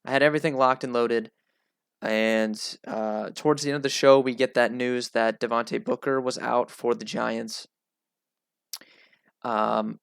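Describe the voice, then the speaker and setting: A nasal-voiced man hosts a casual solo analysis show, keeping a chatty, relaxed tone. His delivery stays fairly level in pitch, with a gravelly fry underneath. The sound is close and dry. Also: no echo. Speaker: host.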